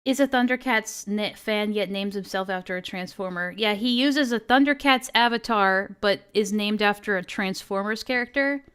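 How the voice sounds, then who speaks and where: A woman's voice: medium pitch, moderate pace, few pauses, a bit bright, clean tone. A woman with a youthful, girlish voice hosting a casual livestream, chatting and swearing freely with friends. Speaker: livestream host.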